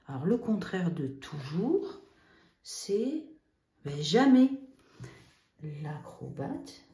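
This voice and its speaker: A woman teaching a children's grammar lesson, coaxing and spelling out examples slowly. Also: fairly low pitch, warm tone, echoey room. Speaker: primary school teacher.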